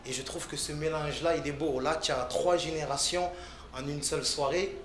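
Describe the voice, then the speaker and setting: A man rapper talking casually in an interview, loose and halting, often restarting his sentences. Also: a little high, fairly even intonation, fairly bright tone, roomy sound. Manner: loose, halting speech with frequent restarts and fillers.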